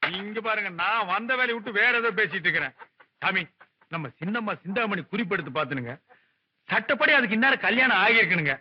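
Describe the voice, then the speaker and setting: Sarcastic village scold, very high voice, muffled old film audio. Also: male voice, animated, a little fast, a little hiss or hum. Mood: pleading. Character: sharp-tongued village man, middle-aged, mocking. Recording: dull old film soundtrack.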